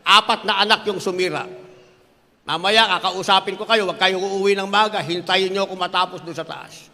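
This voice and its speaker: Older male pastor, high bright voice, forceful emphatic sermon delivery, church hall reverb. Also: steady tone, a little fast, creaky. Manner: emphatic preaching, addresses congregation as beloved, often acts out voices.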